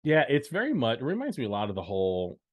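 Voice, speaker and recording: A man's voice: medium pitch, wildly swooping pitch, fast talker. A man from the United States co-hosting a casual business podcast, chatting and walking through numbers. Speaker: podcast co-host.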